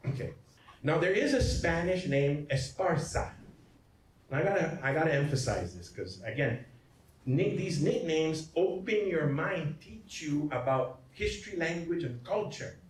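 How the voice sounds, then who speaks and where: A man's voice: a little high, lively intonation, unhurried. A man, a priest, giving a lecture at a symposium in a jokey, digressive way, often checking in with his audience by asking "okay?" and "right?". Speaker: priest giving a genealogy talk. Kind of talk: lecture presentation. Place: hall at a symposium. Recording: echoey hall, from far off, faint noise.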